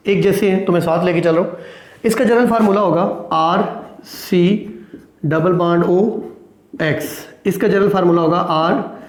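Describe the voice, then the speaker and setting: A man from Pakistan lectures on chemistry in a high, ringing voice, asking questions and answering them, and slipping English technical words into his speech. He often checks in with a quick "right?". The sound is roomy, with the echo of a classroom. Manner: mixes English technical terms into Urdu-Hindi speech. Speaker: chemistry teacher.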